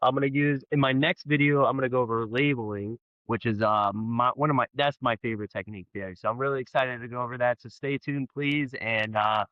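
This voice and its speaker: A man teaching a sales technique in a casual explainer video, talking in a halting way with many fillers and restarts. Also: medium pitch, steady tone, dry recording, highs cut off. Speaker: sales trainer.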